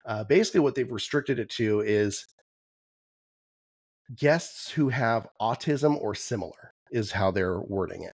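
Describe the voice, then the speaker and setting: A man with a fairly low voice talks casually as a podcast co-host, full of ums and restarts. His voice is wearing thin and hoarse. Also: expressive, unhurried, dry recording. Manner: conversational, frequent ums and restarts. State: losing his voice. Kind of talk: casual chat.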